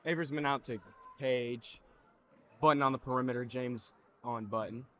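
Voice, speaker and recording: A teenage male student calling a high school basketball game play by play, excitable and prone to cheering. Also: normal speed. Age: teens. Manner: excitable, breaks into loud cheering. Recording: dull lo-fi webcast audio with faint gym noise.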